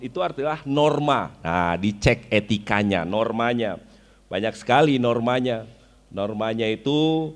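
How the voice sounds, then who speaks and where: Indonesian guy preaching to a study group, explains stuff, recites arabic verses, asks the crowd questions. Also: mid-range voice. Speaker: Islamic preacher. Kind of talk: religious study lecture. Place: weekly study gathering.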